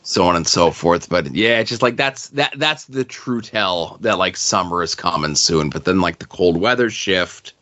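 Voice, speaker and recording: A man's voice: low voice, expressive, moderate pace, few pauses, sharp tone, highs cut off. A man co-hosting a podcast, chatting casually in an easygoing way with short replies. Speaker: podcast co-host. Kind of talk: casual chat.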